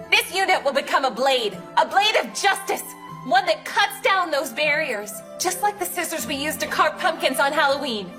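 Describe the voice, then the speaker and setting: A stern, righteous young lieutenant gives firm orders in an anime dub. Her voice is high and clear. Loud music plays beneath her. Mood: rousing. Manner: commanding, firm declarations.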